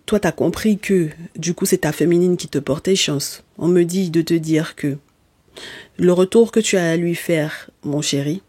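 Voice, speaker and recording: Speaking as a non-native, this tarot reader addresses viewers directly in an emphatic, scolding reading, often adding "okay?" and calling listeners by terms of endearment. French isn't their first language. The voice is medium-pitched, darkish, and husky, with no room sound.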